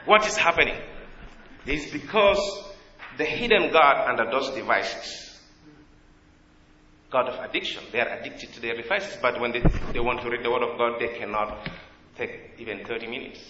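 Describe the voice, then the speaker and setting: A man from South Sudan with a South Sudanese accent preaching a sermon in a church, earnest and halting as he searches for words. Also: mid-range voice, sharp tone, slight background noise. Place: church in America. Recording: echoey hall, dull lo-fi sound.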